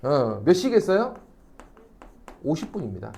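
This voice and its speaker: A middle-aged male teacher with a high voice that leaps all over the place. He lectures in a joking, teasing way, throws in mocking asides, and keeps asking the students whether they understand. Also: very animated, a little slow, creaky, mellow. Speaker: academy teacher. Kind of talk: classroom lecture with anecdotes.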